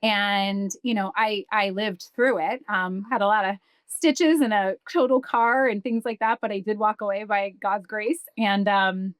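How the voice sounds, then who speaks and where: A woman's voice: mid-range voice, no room sound. A woman telling a personal story as a podcast guest, earnest, with many fillers and restarts. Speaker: guest, insurance business development director. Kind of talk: conversational storytelling.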